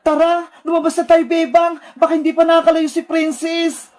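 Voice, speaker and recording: Brief: extremely high cartoon voice, frantic, shouting for help. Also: monotone, fairly quick. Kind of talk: cartoon voice acting.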